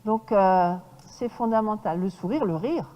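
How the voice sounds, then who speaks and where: A woman horse trainer giving a lecture to an audience, lively and demonstrative, often checking in with her listeners. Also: medium pitch, a little slow, in a large hall, dull audio.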